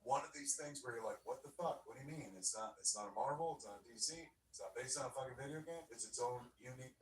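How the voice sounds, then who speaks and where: A man's voice: mid-range voice, quick pace. Profane, rambling middle-aged man, roomy and distant. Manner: profane, loose storytelling full of fillers. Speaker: podcast storyteller recounting a convention. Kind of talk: casual rambling chat. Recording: roomy distant sound with faint noise.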